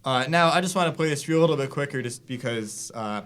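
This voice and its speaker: A man's voice: mid-range voice, lively intonation, fast, very noisy. A man giving a casual drum lesson, explaining loosely with fillers and restarts. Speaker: drum teacher. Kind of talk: casual instructional talk. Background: drum hits between lines.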